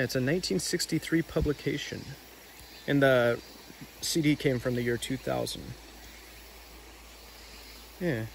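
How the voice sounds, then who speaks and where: Outdoors by a river, a man hosting a video reads a storybook aloud, adding casual asides. His voice is medium-pitched and a bit bright, with slight background noise.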